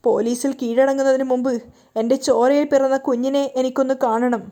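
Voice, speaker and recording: A woman's voice: high-pitched, flat delivery, a little fast, mellow, natural voice. A woman reading the lines of a desperate, stubborn young father in her own voice, in an earnest and insistent way.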